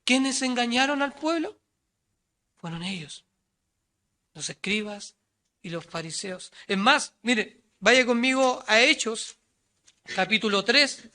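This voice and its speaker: Slow and full of long pauses, this sermon comes from a man with a Chilean Spanish accent and lively intonation. He reads scripture aloud and answers his own rhetorical questions. Quoting the crowd, he gets loud and high; on asides he turns low and quiet.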